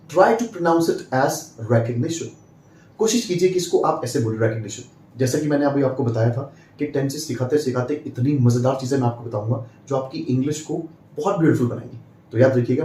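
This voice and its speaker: A man teaches English at a board in an emphatic, repetitive way, pressing each point on his viewers. His voice is mellow and dark in tone. The room gives it a noticeable echo, with a faint hiss underneath. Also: medium pitch. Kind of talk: bilingual classroom-style lesson.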